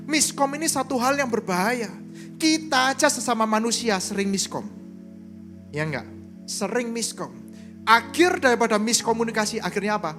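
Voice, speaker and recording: A man preaching a conversational sermon, often checking in with the congregation with quick questions. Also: sits high. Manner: lively, keeps asking the crowd "right?", acts out little quoted exchanges. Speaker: pastor. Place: church service stage.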